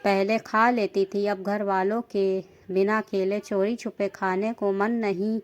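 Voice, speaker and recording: Gentle young wife, pleading tone, read by a female narrator. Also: mid-range voice, level tone, measured pace, dull audio, lightly acted. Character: young wife, soft and emotional.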